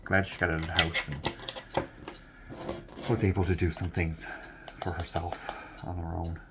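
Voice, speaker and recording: A congested craft vlogger with a deep voice chats casually to the camera in a lamp-lit room at home at night. He rambles and repeats himself in a level tone at a moderate pace, with heavy noise behind him.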